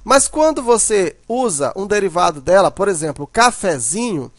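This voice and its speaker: A man's voice: high-pitched, very animated, normal speed, dry recording, studio quality. A man teaching a grammar lesson, explaining step by step and often checking in with "né".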